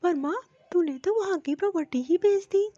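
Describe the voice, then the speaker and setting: A woman's voice: extremely high pitch, normal speed, mellow. A woman voicing a mild young married son. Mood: placating. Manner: soothing, placating. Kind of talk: cartoon voice acting. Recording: dull, muffled lo-fi recording.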